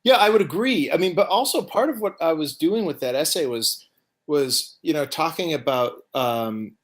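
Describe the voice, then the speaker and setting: A man's voice: a little high, animated, normal speed. Male podcast guest, thinking aloud. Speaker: podcast guest, essay writer. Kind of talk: casual interview conversation.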